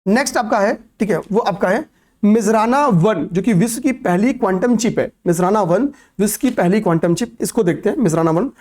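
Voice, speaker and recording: A young man with a high, animated, slightly mellow voice lectures an exam-prep class on current affairs at a moderate pace, in a conversational teaching style. He circles back over each fact, poses questions and answers them himself, and keeps telling students "okay, pay attention."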